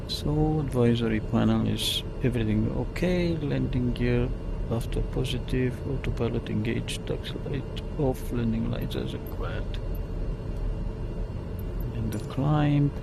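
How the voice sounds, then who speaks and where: A man piloting a small plane, speaking over a cockpit headset, calmly reading checklist items and making radio calls. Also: mid-range voice, vocal fry. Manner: calm, methodical, reads checklist items aloud. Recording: loud engine noise in headset.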